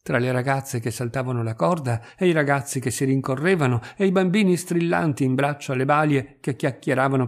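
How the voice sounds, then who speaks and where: A man reading a literary short story aloud in a measured, even narration. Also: mid-range voice. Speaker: reader.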